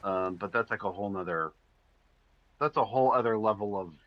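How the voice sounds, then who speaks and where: A man's voice: on the low side, a little fast. A man chatting casually on a gaming stream in a rambling, laid-back way, with lots of "like". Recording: dull lo-fi stream audio.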